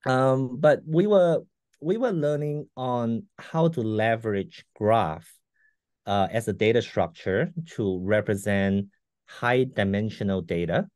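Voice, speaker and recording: A Malaysian man in his forties, a guest scientist whose first language isn't English, answers interview questions over a video call from a room at home. His voice is medium-pitched, slow and darkish, with casual delivery, repeated words and fillers. The audio is clean studio-like sound with no room echo.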